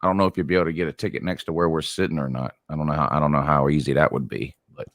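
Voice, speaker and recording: Very deep-voiced man, dry sound. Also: fairly even intonation, racing, no echo. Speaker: guest on video call. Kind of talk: casual chat.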